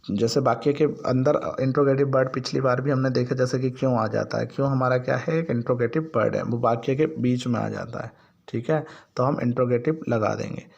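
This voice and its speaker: A male teacher walks through a grammar lesson at a steady, patient pace. He asks a question, answers it himself, and repeats each example sentence slowly. His voice is gravelly and the recording sounds slightly muffled. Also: mid-range voice. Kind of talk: Hindi grammar lesson for learners.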